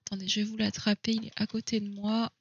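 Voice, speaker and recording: A woman's voice: medium pitch, monotone, quick pace, slightly rough, dry recording. Hesitant woman vlogger, dry dull sound. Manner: hesitant, thinking aloud with many fillers. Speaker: coloring hobby vlogger. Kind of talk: casual chat to camera. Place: at home.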